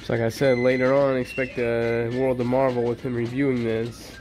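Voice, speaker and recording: A man's voice: mid-range voice, level tone, normal speed, darkish tone, soft background music. A young man, chatting casually and upbeat to his phone camera at arm's length outdoors, rambling with lots of fillers. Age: 20s. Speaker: vlogger. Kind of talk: casual vlog chat. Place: outdoors beside a house, and a kitchen. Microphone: handheld phone camera at arm's length. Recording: noisy outdoor phone recording.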